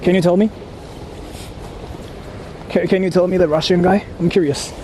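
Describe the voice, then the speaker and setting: His voice is high and darkish in tone, with fairly even intonation at normal speed, as this man from Ichihara, Japan, talks to livestream viewers. He uses slangy, repetitive phrases against the noise of a busy street with traffic.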